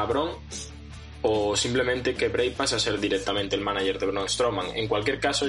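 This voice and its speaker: A man's voice: lowish voice, a bit bright. A man co-hosting a podcast, giving casual conversational sports analysis over music. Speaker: podcast co-host. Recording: music bed behind the voice. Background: guitar music.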